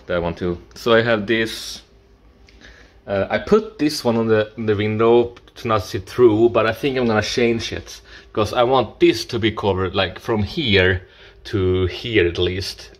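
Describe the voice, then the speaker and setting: Here a man with a slow, low voice tours his small apartment indoors, covering the bathroom and kitchen, captured by an action camera on his body. The casual commentary is halting and hesitant, broken by restarts and joking asides.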